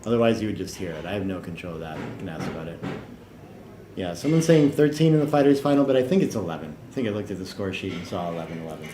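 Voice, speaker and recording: A man doing casual, joking commentary on a live tournament stream. His remarks often trail off into quieter asides. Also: low voice, big pitch swings, very fast. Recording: echoey room with some background noise.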